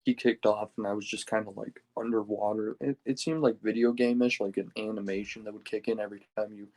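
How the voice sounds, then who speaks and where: A man calmly telling his own story on a casual podcast, matter-of-fact. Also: lowish voice, fast, low-quality recording. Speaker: podcast guest. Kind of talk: casual chat.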